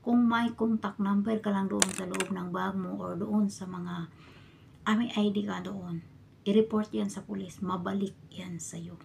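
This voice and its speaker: Very gravelly Filipina slipping into whispers. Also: female voice, medium pitch, steady tone, a little slow, slight background noise. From Philippines. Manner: often drops into a hushed whisper. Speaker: vlogger and domestic worker abroad. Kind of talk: casual storytelling vlog. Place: a bedroom in her employer's home.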